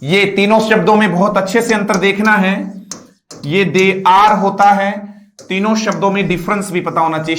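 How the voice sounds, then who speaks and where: A man's voice: high-pitched, fairly bright tone, roomy sound. A male teacher giving a patient classroom lecture, often checking that students follow and stretching out example words. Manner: repeats "dosto", asks "are you getting me"; patient, drawn-out word-by-word explanations. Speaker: English teacher.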